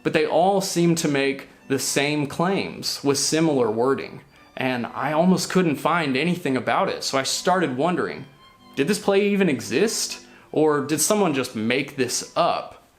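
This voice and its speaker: A man's voice: on the high side, animated, a little slow. A man hosting and narrating a history of roller skates in an earnest, curious way. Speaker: host. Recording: faint music behind.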